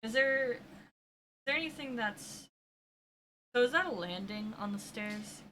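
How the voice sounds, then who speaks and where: A woman playing a tabletop game, describing her character's actions in halting speech full of fillers. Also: fairly high pitch, sharp tone, poor audio. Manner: hesitant, halting, many fillers. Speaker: player. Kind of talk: casual tabletop play. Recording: noticeable background noise.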